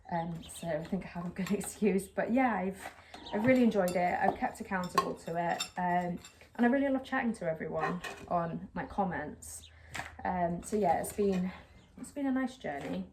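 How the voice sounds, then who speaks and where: A young adult from England, this plant vlogger has a mid-range voice. She rambles to the camera with plenty of fillers, self-conscious, while repotting a plant outdoors on a brick-walled patio in a little wind, with clear outdoor noise behind her.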